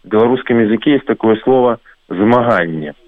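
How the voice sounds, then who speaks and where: Brief: male radio guest, lowish voice, explanatory, over a tinny phone-like line. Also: lively intonation, dry recording. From Belarus. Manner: explanatory, spells out sounds slowly for examples. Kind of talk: radio conversation.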